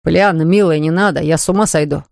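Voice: mid-range voice, fast talker, vocal fry, no echo, studio quality, lightly acted. A reader voicing an ardent young man who earnestly begs his sweetheart. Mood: imploring. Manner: earnest, imploring.

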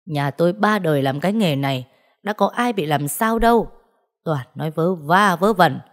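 A woman voicing a gruff, stubborn old male village butcher who talks bluntly and scolds. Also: fairly low pitch, lively intonation, moderate pace, lightly acted. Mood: scornful.

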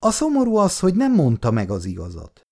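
A man's voice: huge pitch swings, darkish tone, full character voice. A male reader voicing a fierce, emotional elderly mother who scolds her grown sons. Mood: scolding. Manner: scolding, shrill outbursts.

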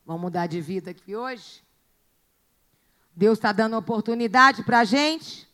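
A woman pastor from Brazil, preaching a sermon in a church with rising fervor, rhetorical questions and bursts of shouting. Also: on the high side, expressive, a little slow.

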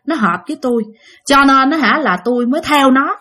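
A woman's voice: high voice, fairly quick, pushed and bright, voice pushed up. A woman quoting a hungry, cold old male ghost who complains plaintively. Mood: aggrieved.

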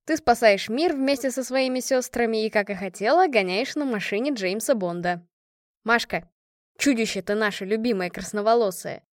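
Woman reader doing the squad leader, warm jokey toast voice, highish, dead dry sound. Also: normal speed, dry recording, natural voice. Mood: fond toast. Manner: affectionate, joking toast-giver. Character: commander of a women's squad, warm and teasing. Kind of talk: audiobook character reading.

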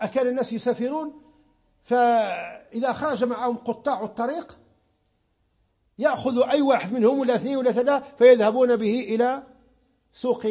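A man's voice: very high-pitched, dark tone, breathy edge. A Moroccan man giving a religious lesson on Islamic law, explaining patiently and repeating words as he searches for them. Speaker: sheikh teaching Islamic law.

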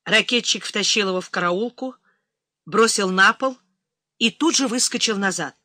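A woman reading a crime thriller audiobook, giving the characters livelier, louder voices in dialogue. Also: normal speed, dry recording, clean studio sound. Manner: reads all characters, raising pitch and force for quarrelsome lines. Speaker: audiobook narrator. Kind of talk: audiobook narration.

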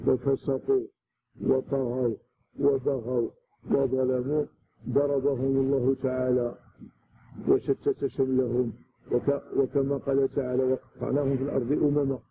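A man's voice: mid-range voice, little pitch movement, moderate pace, gravelly. A man with a Moroccan accent giving a scripture commentary lesson, explaining carefully and repeating key words for emphasis. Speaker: religious teacher. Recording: tinny lo-fi recording with loud noise.

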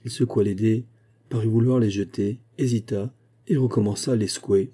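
Male audiobook narrator, measured and expressive, very dark husky voice. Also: fairly low pitch. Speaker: audiobook reader.

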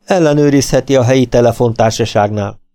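A man's voice: medium pitch, warm tone, no echo, pitched above the performer's own voice, lightly acted. A man voicing a cautious, defensive young man who protests his innocence.

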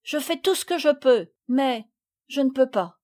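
A woman's voice: high-pitched, lively intonation, a little slow, darkish tone, voice pushed up. A woman voicing a small, tender-hearted boy close to tears, with a pleading, heartfelt manner. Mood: sad.

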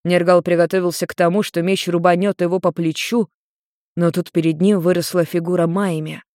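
An audiobook narrator reading a fantasy story in an even, measured way. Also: mid-range voice, no room sound, studio quality. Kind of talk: scripted narration.

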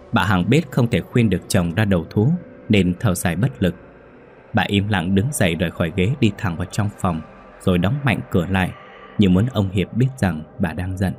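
A man telling a scripted horror story in a measured, even storytelling manner. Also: low-pitched. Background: faint music.

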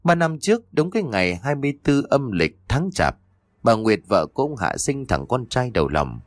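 A man narrating a village story aloud in an expressive storytelling manner. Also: medium pitch, moderate pace, no room sound. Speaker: audiobook narrator.

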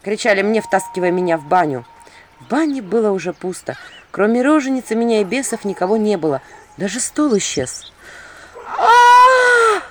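A woman narrating an audiobook story in an expressive, wry first-person manner. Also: mid-range voice, a little fast, slight background noise.

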